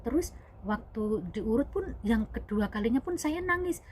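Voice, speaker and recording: Calling her viewers "guys," a young vlogger working abroad as a domestic worker rambles through a personal story, often correcting herself. She sounds highish and animated, with a darkish tone at a normal pace, and there's a little hiss or hum in this casual storytelling.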